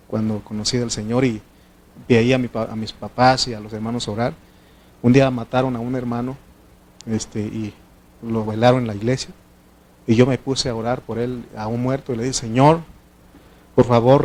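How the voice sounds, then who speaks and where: Mexican pastor preaching with rhetorical questions. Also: male voice. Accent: Mexican Spanish. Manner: conversational preaching with frequent rhetorical questions to the congregation; acts out quoted prayers and dialogue with sudden louder, higher bursts. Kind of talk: sermon.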